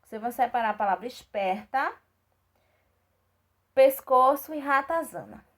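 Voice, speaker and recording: A woman with a Brazilian Portuguese accent leads a recorded lesson for small children. Her voice sits a little high, and she drags out syllables one by one. She keeps asking whether they follow. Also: expressive, fairly bright tone. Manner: patient, repeats and checks in with "tá certo?"; spells out syllables slowly and clearly. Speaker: primary school teacher.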